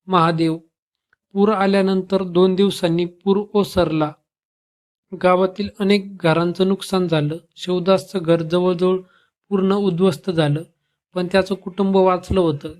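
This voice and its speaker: High, flat-voiced male storyteller. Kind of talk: scripted devotional story narration.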